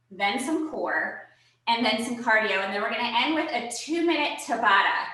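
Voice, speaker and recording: A woman's voice: fairly high pitch, bright, forceful tone. A woman fitness instructor giving a live virtual talk and demo, upbeat and chatty, checking in with "okay?", a bit out of breath. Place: room at home. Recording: very echoey room.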